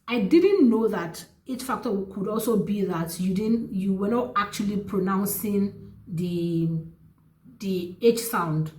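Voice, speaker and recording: A young woman with a Nigerian accent, telling a personal story to the camera in an earnest, animated way, restarting often and jumping up in pitch for emphasis. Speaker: vlogger. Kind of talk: casual storytelling. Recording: echoey room.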